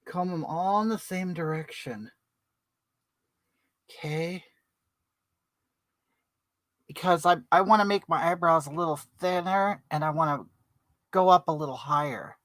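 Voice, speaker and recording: A lightly acted, unhurried medium-pitched voice, a bit bright, with long pauses and clean studio sound free of room noise. The performer portrays a brash older woman chatting through a makeup livestream and greeting viewers by name in a comedic bit.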